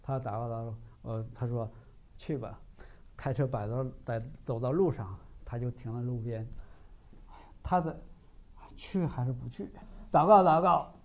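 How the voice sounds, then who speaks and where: A man's voice: medium pitch, measured pace, pauses often. A man preaching a sermon, telling a story and often asking rhetorical questions. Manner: animated, frequent rhetorical questions.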